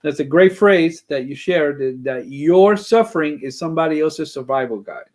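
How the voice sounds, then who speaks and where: A man's voice: a little high, animated, moderate pace, darkish tone. A man hosting a faith talk show, introducing his co-host and cheering her on with short replies. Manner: encouraging, backchannels with mm-hmm. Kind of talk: casual chat.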